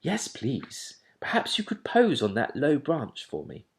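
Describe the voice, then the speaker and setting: A man voicing a gentle young woman who speaks softly, almost in a hush, in a kindly way. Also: mid-range voice, wildly swooping pitch, unhurried, pitched above the performer's own voice. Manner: soft, hushed, kindly.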